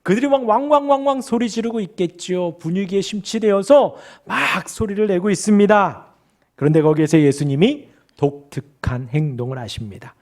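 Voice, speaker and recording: A man's voice: high voice, normal speed. A male pastor preaching an expository sermon in a church, asking his congregation questions and leading them in reading aloud. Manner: animated, asks the congregation rhetorical questions. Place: church sanctuary.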